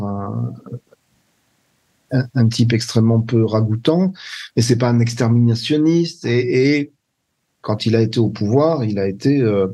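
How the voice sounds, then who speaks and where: Brief: older male guest, husky, mellow, halting and reflective in conversation. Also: medium pitch. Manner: hesitant, searching for words, many restarts. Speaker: translator, interview guest. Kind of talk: conversational interview.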